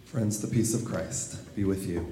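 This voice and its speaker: A man's voice: low-pitched, unhurried. A man leading a church service as pastor, addressing the congregation, his voice echoing like in a cathedral. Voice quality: voice echoing cathedral-like through a large hall. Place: church sanctuary during a service. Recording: strongly echoing hall, loud background noise.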